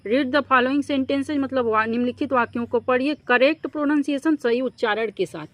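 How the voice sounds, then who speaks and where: A woman teaching an English workbook lesson in Hindi, explaining slowly and asking the class to repeat words back. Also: sits high.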